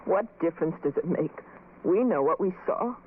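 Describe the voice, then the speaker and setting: A woman's voice: fairly low pitch, lively intonation, moderate pace, a little hiss or hum, lightly acted. An actress playing an anxious, headstrong young working woman in a radio drama, urgent and snappish. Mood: snappish, frightened. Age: young adult. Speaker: actor. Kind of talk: 1940s radio drama acting. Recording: tinny old radio recording.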